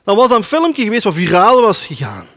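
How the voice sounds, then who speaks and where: A man preaching a lively sermon, acting out the scenes as he tells them. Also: high-pitched, a little fast. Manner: animated storytelling, acting out the scenes.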